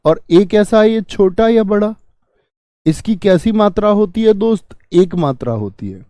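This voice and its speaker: Man teaching online, fairly high and mellow, repeats his own questions before answering. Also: no echo, studio quality. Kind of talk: online grammar lesson.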